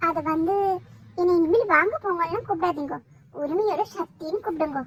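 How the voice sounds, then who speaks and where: A woman voicing a shy, polite young village woman in a cartoon, speaking hesitantly and softly. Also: very high voice, fairly quick, a little hiss or hum. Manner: hesitant, soft-spoken. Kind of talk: cartoon voice acting.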